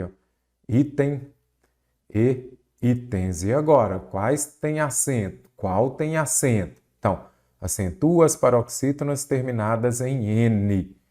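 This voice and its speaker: A man's voice: on the low side, warm tone. Brazilian man teaching grammar, quizzing. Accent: Brazilian Portuguese. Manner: quizzing the viewer with rhetorical questions. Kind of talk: exam-prep grammar lesson.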